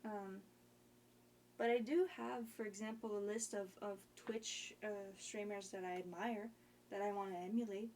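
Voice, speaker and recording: A woman's voice: medium pitch, steady tone, moderate pace, darkish tone, slight background noise. A young woman streamer in casual chat, rambling and hesitant with lots of fillers.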